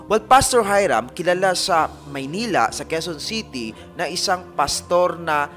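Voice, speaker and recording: A man tells an eerie tale in a high, bright voice, speaking straight to his listeners as though they were a gathered group. His delivery is dramatic and keeps drawing the audience in. Soft music plays quietly behind him. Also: expressive, a little slow. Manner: addresses listeners as a fan group, dramatic retelling. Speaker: narrator of a paranormal story channel. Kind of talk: storytelling narration.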